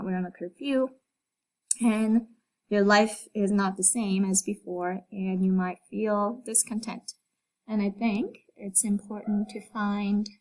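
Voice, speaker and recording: A woman with a mid-pitched voice reads a devotional aloud from home in an unhurried way. When she leaves the text she speaks casually, pausing often with fillers and restarts. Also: darkish tone, poor audio. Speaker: devotional leader. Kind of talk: reading a devotional aloud, then casual reflection.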